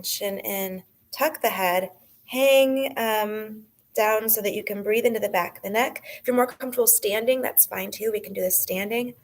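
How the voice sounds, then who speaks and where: A woman yoga teacher guiding a class, talking in a chatty, rambling way with many fillers and giving gentle step-by-step instructions. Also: medium pitch.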